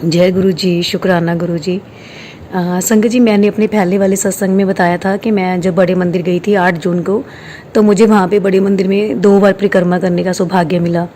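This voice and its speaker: Soft-voiced woman. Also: lowish voice, steady tone, normal speed, slight background noise. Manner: hesitant, many fillers, mixes in English words. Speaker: devotional storyteller sharing a personal experience. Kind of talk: casual spiritual testimony. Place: quiet room at home.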